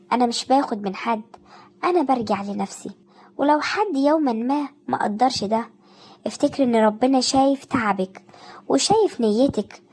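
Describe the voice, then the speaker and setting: A woman with an Egyptian accent narrates a scripted motivational piece in a hushed, breathy voice. She sits a touch higher than most women and speaks intimately, as if to one listener alone. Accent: Egyptian Arabic. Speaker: narrator of a self-care video.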